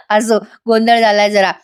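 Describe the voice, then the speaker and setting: High-voiced woman chatting through a recap. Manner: chatty, addressing viewers. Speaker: TV serial reviewer. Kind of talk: voice-over episode recap.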